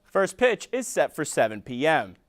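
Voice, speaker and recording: A young man with a distinctly high voice anchors the sports segment of a local newscast. He reads from a script in a presenter's delivery. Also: big pitch swings, normal speed.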